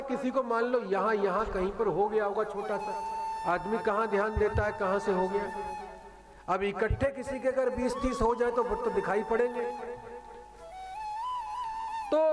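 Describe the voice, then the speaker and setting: Brief: male preacher, very high voice, slow and deliberate storytelling, music underneath. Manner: teaching through parables, asking and answering his own questions; chants scripture verses in a drawn-out singing tone. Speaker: spiritual preacher. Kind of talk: devotional story sermon.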